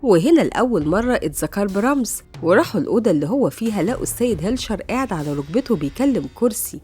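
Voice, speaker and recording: A woman with an Egyptian Arabic accent telling a film's story as a fast recap narrator. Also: mid-range voice, darkish tone, husky.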